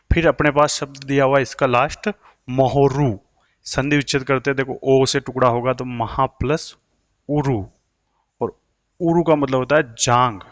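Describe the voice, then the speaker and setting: A man's voice: mid-range voice, fairly bright tone, no echo. A man teaching an exam-prep grammar lesson, asking questions and answering them himself.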